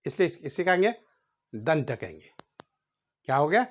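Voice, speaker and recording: A man's voice: a little high, very animated, moderate pace, dull audio. A man teaching a grammar lesson, sounding out letters one at a time and asking questions he then answers himself.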